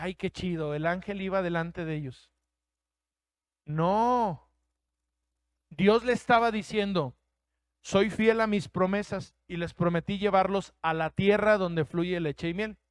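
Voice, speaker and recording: A man's voice: sits high, smooth, no room sound. A man with a Mexican Spanish accent preaching a sermon as pastor, emphatic, acting out quoted voices.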